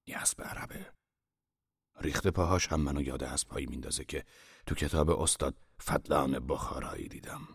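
An actor playing an irritable old master painter who scolds and lectures in a gruff voice. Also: male voice, a bass voice, dry recording, studio quality, full character voice. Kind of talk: audio drama acting.

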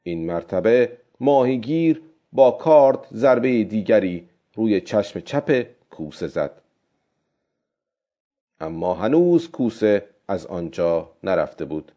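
A man narrating a story in a steady, measured reading voice. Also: fairly low pitch. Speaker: audiobook narrator. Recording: dull lo-fi recording.

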